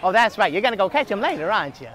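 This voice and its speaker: A young man switching between impression voices of sweet, excitable cartoon characters in playful in-character chat. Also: sits high, racing. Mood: playful, chummy. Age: young adult. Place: outdoors at a busy theme park. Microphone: camera a few steps away. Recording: outdoor theme park crowd noise.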